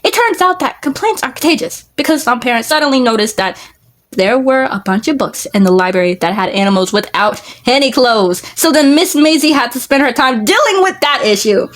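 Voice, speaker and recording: Stumbling, slightly high-voiced woman reading aloud. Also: expressive, a bit bright. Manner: reads haltingly, stumbling over words and restarting. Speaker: vlogger. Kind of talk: casual read-aloud of a book.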